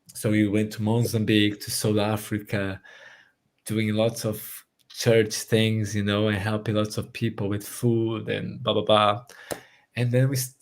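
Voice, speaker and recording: Speaking a little slowly in a low voice with little pitch movement, a podcast guest holds a casual, earnest conversation. He's a native Portuguese speaker with a Portuguese accent, Brazilian-born and raised in Portugal, and restarts phrases while reaching for English words.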